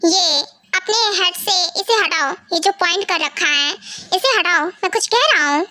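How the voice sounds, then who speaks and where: A woman's voice: very high voice, moderate pace, pushed and bright, no echo. A woman voicing a cocky, sulking young husband in an amateur fan dub, speaking in a huffy, scolding way. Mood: irritated.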